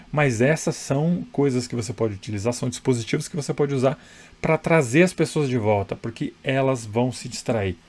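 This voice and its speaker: A man's voice: medium pitch, darkish tone. A man coaching public speaking straight to the camera, chatty and emphatic, often checking in with the viewer. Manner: conversational, tag questions, emphatic. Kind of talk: direct-to-camera advice.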